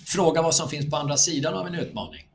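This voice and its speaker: A man speaking as a guest lecturer, telling stories animatedly and swearing freely in a relaxed conversation. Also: on the high side, gravelly, a little hiss or hum. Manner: animated storyteller who swears freely and acts out quotes. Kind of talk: conversational podcast talk.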